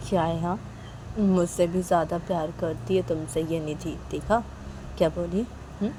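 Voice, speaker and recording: A woman's voice: fairly low pitch, steady tone, normal speed, background noise, close to an everyday voice. A woman voicing a young woman who coaxes and presses her friend insistently. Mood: teasing. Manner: insistent, coaxing.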